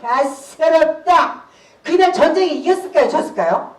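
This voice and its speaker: A woman in her sixties giving a laughter therapy lecture, animated, breaking into loud laughs and shouts as she leads the group. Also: high-pitched, normal speed. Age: 60s. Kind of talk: workshop lecture with call-and-response. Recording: roomy hall, voice from a distance.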